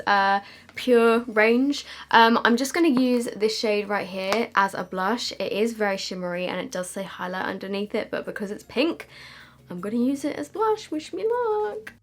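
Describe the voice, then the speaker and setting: A woman's voice: fairly high pitch, normal speed. A young British woman with a slight lisp from wearing a retainer, chatting casually and self-deprecatingly to camera in a makeup review. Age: young adult. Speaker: beauty vlogger. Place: small decorated room indoors.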